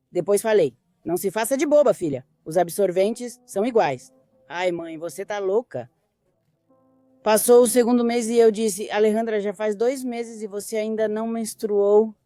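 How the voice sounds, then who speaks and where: A mother recounting her family's story in a quiet, intimate documentary testimony. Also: medium pitch, no room sound. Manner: quiet, intimate retelling with quoted dialogue. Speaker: grieving mother interviewed.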